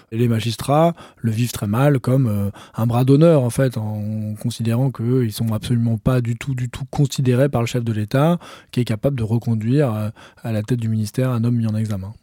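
A man's voice: medium pitch, fairly quick, dark tone, no echo, clean studio sound. A male journalist explaining a legal case in conversational commentary, with frequent hesitations.

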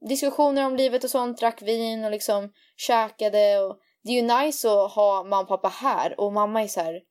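A woman's voice: a little high, smooth. A young woman co-hosting a podcast, chatting casually and animatedly, dropping English phrases into her talk. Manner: animated, mixes in English phrases, lots of fillers. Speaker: podcast co-host. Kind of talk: casual chat.

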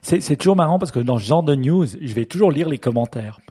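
A man with a Swiss French accent chatting casually on a podcast, full of fillers and quick to laugh. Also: on the high side, expressive, mellow, breathy edge, no echo. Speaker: podcast co-host.

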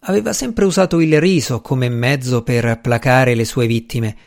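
A man giving a measured, dramatic scripted narration of an audiobook. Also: mid-range voice, creaky.

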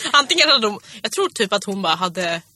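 A woman co-hosting a podcast, telling stories in a lively, casual way and acting out her own reactions. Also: mid-range voice. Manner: animated storyteller, acts out her own reactions. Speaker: podcast co-host.

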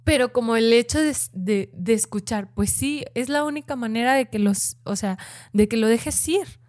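A woman in casual conversation telling an animated personal story, full of fillers and restarts. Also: fairly high pitch, normal speed. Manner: animated, many "o sea" fillers.

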